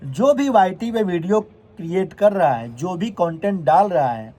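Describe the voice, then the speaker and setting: High-voiced man ranting angrily. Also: animated, a little slow, dark tone. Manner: confrontational, scolding, repeats "bhai" for emphasis. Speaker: vlogger. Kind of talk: heated rant to camera.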